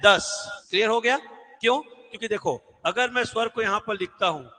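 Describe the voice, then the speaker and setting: A man teaches an exam-prep class in a high, bright voice. He asks questions, answers them himself and repeats the key words. Long reverb from the echoey classroom trails behind him. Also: brisk. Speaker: Hindi teacher.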